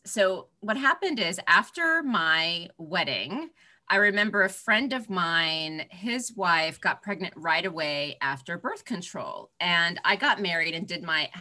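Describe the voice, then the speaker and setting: A woman in her forties from Florida, chatting as a podcast guest, lively with frequent laughs and fillers. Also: on the low side. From Florida, USA. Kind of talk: casual interview chat.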